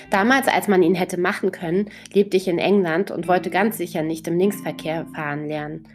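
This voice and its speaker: A woman with a lower voice reads a first-person novel aloud. Her delivery is calm and measured, and faint guitar music plays behind her. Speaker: audiobook narrator.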